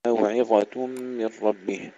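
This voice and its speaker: A man teaching Quran recitation, explaining pronunciation briskly and precisely and sounding out each example. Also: lowish voice, fairly even intonation, mellow, lo-fi sound.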